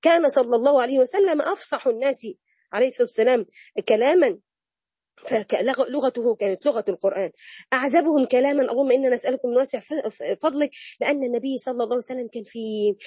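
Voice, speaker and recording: Husky high-voiced Egyptian woman teaching. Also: racing, no echo. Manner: lively, mixes classical phrases with colloquial chat. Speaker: religious teacher. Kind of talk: religious lesson to women.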